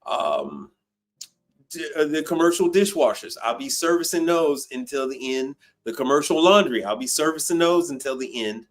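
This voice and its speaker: This man in his fifties, a commercial appliance service technician, hosts an unscripted livestream answering viewer questions. He speaks at a moderate pace in a slightly high, very animated voice, blunt and emphatic, repeating himself and swearing freely.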